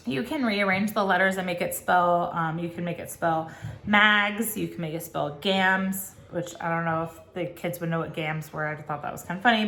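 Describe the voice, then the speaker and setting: A woman's voice: mid-range voice, a bit bright. A woman tutor giving casual teaching tips at home, chatty and rambling with many ums and self-corrections. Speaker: homeschool co-op tutor. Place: at home, child nearby. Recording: echoey room.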